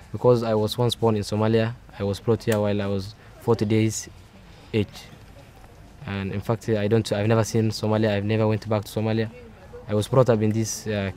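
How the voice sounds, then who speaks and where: A man's voice: fairly low pitch, a little mellow. A young man answering interview questions earnestly, stumbling over some words. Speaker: refugee.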